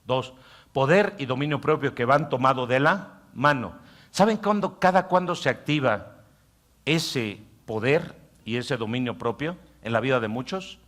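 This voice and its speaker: A male pastor delivers a sermon in a church. He rises to loud, emphatic lines, then drops to soft, muttered asides. In those asides he puts on the mocking voice of a tempting inner voice. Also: mid-range voice, lively intonation, unhurried. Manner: acts out the inner voice in quiet mocking tones.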